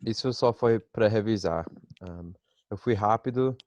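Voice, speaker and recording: A man who grew up speaking teaches an online class in Portuguese, speaking slowly and patiently with a fairly low voice. He checks in with his students constantly. The sound is dry and close over the video call. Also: a little mellow, no echo. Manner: patient, slow explaining with many "né?" checks. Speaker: English teacher. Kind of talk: online language lesson.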